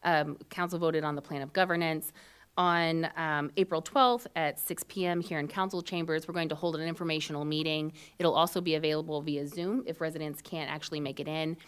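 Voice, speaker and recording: A woman's voice: deep voice, fairly even intonation, a little fast, clean tone. A woman serving as city manager, giving a matter-of-fact report to a city council with frequent ums. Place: council chambers.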